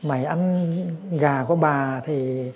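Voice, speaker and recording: A man's voice: slow, darkish tone. A man voicing an ill-tempered old village woman who scolds and curses the neighbors. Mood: scolding. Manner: shrill, angry scolding.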